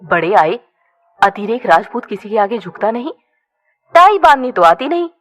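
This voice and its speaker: A woman's voice: mid-range voice, big pitch swings, normal speed, fairly bright tone. A woman voicing a bubbly, talkative young woman who scolds and fusses. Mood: scolding. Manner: chatty, scolding. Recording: dull lo-fi recording.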